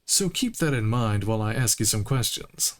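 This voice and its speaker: A man's voice: lowish voice, lively intonation, moderate pace. A man streaming a game playthrough, reading the dialogue aloud in a playful, laughing, mock-indignant way.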